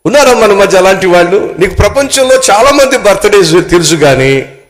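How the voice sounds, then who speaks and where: Animated male preacher, higher-pitched. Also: fairly quick. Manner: animated storytelling, addressing the congregation directly. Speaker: pastor. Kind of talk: sermon.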